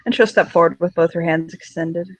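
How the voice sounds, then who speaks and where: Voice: mid-range voice, steady tone, brisk, no room sound, low-quality recording. A role-play narrator chatting casually and narrating a voice role-play.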